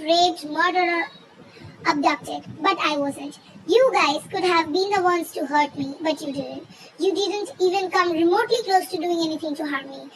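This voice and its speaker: A woman with a squeaky, chipmunk-like cartoon voice from a pitch-raising filter, casually commenting on and reading online posts in a rambling, informal way. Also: a bit bright, a little hiss or hum, poor audio. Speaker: host.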